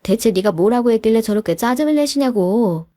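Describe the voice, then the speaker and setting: A woman's voice: a little high, lively intonation, brisk, mellow, no echo, studio quality. A woman voicing a defensive, shiftless young husband who mumbles excuses in a storybook reading. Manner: mumbling excuses, then snapping back.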